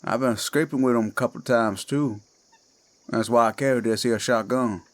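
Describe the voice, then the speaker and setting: A Cajun-accented man voices a threatening werewolf disguised as a friendly swamp guide in a horror audio drama. He speaks in a slow, coaxing drawl with a mid-range, natural voice and a steady tone.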